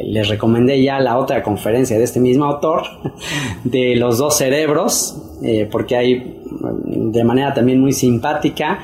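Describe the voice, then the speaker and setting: A man's voice: normal speed, darkish tone. A man giving a casual sermon to wives, talking conversationally with many fillers and repeated words. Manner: acts out quoted wives in a higher voice. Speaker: preacher.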